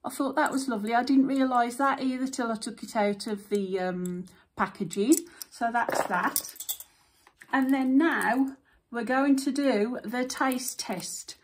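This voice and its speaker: Husky lady chatting slowly at home, a bit high, lots of ums. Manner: chatty, unhurried, thinking aloud with fillers. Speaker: vlogger. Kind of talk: casual chat.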